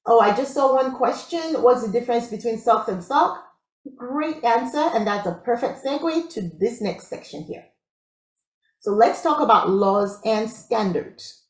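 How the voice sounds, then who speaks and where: A woman from Nigeria teaching a live online workshop on IT audits, talking fast and upbeat and often checking in with her audience. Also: fairly high pitch, lively intonation, echoey room. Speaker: IT audit instructor.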